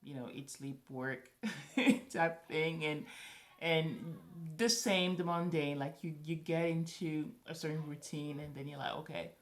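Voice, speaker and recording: A woman's voice: low voice, measured pace. A woman in her thirties, raised in Morocco and a native French speaker, chatting casually to camera as a vlogger and thinking aloud with restarts.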